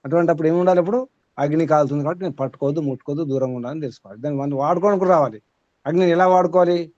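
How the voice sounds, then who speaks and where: A man's voice: on the high side, very fast, darkish tone, no echo, lo-fi sound. A man teaching a small group as their spiritual guide, asking rhetorical questions and repeating his points.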